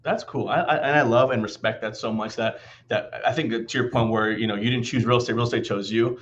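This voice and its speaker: A man's voice: mid-range voice, fairly even intonation, fast talker, dull audio. A man hosting a podcast interview, eager and agreeable, often stammering into restarts as he talks. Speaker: podcast host. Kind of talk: casual interview talk.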